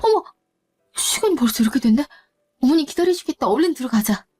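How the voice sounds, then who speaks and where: A woman's voice: high-pitched, lively intonation, fast, a little mellow. A woman voicing a nervous young woman who stammers politely in a story drama. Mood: modest. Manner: shy, stammering. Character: nervous young woman meeting her future mother-in-law.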